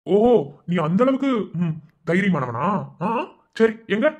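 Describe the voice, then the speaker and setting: A man voicing a hot-tempered young village bully in an animated cartoon, threatening and taunting in a Madurai Tamil accent. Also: high voice, a little slow. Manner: taunting, threatening, rural slang.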